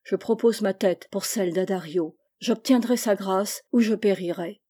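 Woman reading a desperate, resolute young man in a novel; mellow, impassioned. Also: medium pitch, moderate pace, husky, close to an everyday voice. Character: young French man, despairing yet resolute.

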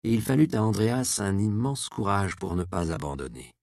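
A man narrates a grim story in a grave, measured reading. His low voice is gravelly and rough at the edges. His pitch rises and falls widely across phrases. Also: sing-song, darkish tone. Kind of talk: scripted audiobook narration.

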